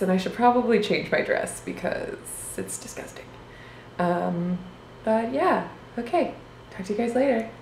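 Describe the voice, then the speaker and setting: A young woman in her twenties chatting casually to a handheld camera in a small hotel room, rambling with lots of fillers and little laughs. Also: mid-range voice. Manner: rambling, filler-heavy, giggly. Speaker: vlogger. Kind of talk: casual vlog chat. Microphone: handheld camera close up. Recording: roomy hotel room sound, faint hiss.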